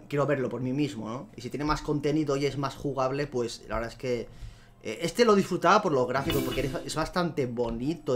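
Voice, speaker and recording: A young man from giving casual gameplay commentary, chatting to the animals on screen and to his viewers and getting excited easily. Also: medium pitch. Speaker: gameplay video host.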